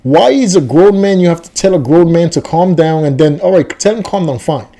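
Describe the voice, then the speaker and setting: A man's voice: on the high side, lively intonation, brisk, dark tone. A man hosting a reaction video, giving rambling, skeptical commentary. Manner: skeptical, rambling, repeats himself. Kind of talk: casual commentary.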